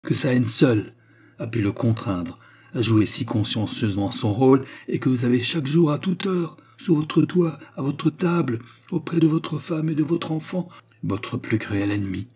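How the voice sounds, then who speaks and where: A man's voice: mid-range voice, normal speed, mellow, husky, lightly acted. A man reading a novel aloud, voicing a proud young woman who speaks with fervent insistence.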